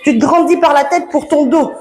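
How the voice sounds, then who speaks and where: A woman's voice: high-pitched, fairly quick, a little mellow. A woman coaching a home workout, chatty and encouraging, laughing often and slightly out of breath. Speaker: fitness coach. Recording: echoey room with background music.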